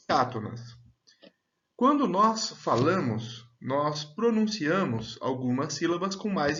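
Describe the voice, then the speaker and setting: A man teaching a grammar lesson, speaking slowly and deliberately and drawing out example words. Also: fairly high pitch, fairly bright tone. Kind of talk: slow, clear grammar lesson. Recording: dull, lo-fi sound.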